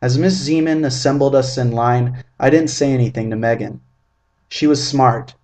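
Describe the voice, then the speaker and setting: A man in his twenties reads his own first-person story aloud, measured, vivid and descriptive. His voice is medium in pitch and slightly mellow.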